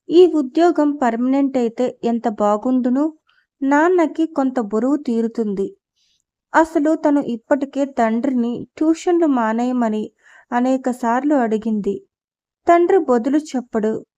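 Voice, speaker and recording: High-voiced woman reading a novel aloud. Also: highs cut off. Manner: steady, measured reading. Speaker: audiobook narrator. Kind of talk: scripted novel narration.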